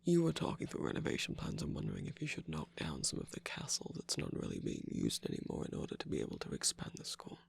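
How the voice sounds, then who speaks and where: Sly male cookie jester played by a performer, ASMR roleplay, husky breathy whisper, gravelly fry, lively swooping pitch, teasing and dismissive. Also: quick pace, few pauses, heavily acted. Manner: dismissive, teasing, evasive, with sighs and laughs. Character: sarcastic mischievous male cookie jester, scheming.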